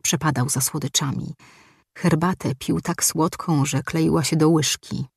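A woman narrating a novel as an audiobook in a calm, even reading voice. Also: low-pitched, measured pace, gravelly, breathy edge, no room sound, clean studio sound. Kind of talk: scripted narration.

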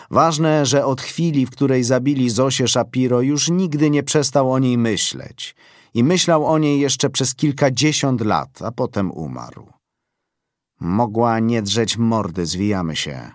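A man giving a literary audiobook reading in a measured, sombre way. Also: medium pitch, no echo, clean studio sound. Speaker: audiobook narrator.

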